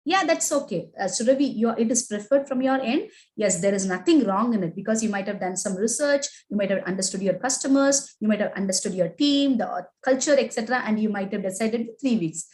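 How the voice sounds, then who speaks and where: The recording is low quality, but the woman's mid-range voice comes through animated, fairly quick and a little mellow. She has an Indian English accent and is leading a live online agile class, asking questions, reading chat replies aloud and constantly saying "right?" and "okay?".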